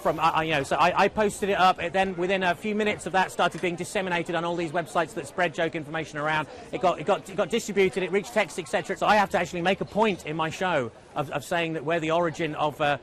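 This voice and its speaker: A male comedian in an interview, hurried and full of restarts. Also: on the high side, steady tone, fairly bright tone.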